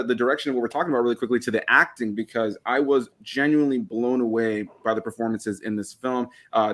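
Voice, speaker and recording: A man hosting a casual video interview, enthusiastic and full of praise for his guests. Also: mid-range voice. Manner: enthusiastic, complimentary. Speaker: interview host.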